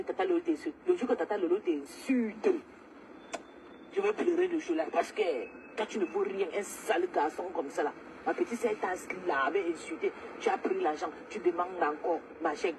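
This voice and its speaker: A woman's voice: lowish voice, lively intonation, fairly quick, noisy background. A woman, ranting angrily and repetitively during a live stream. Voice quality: agitated, loud, repetitive ranting. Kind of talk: angry social media livestream rant.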